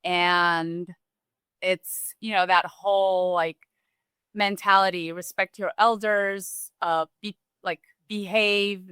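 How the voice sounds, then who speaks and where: A woman from Romania talking as a guest in a relaxed, thoughtful interview, with restarts and small laughs. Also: on the low side, smooth, no echo. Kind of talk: casual conversational interview.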